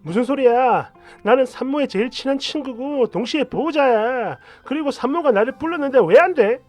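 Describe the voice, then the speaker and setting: A pushy, possessive young woman friend, her voice pitched high and loud as she insists on getting her way, put on by a male narrator. She swings wide in pitch, demanding and shrill. Faint music plays underneath. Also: animated, normal speed. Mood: indignant.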